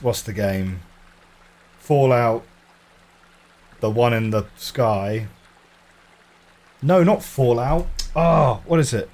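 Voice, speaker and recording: A man's voice: medium pitch, darkish tone. A man giving casual video game commentary, wryly musing aloud to himself as he plays. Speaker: gamer.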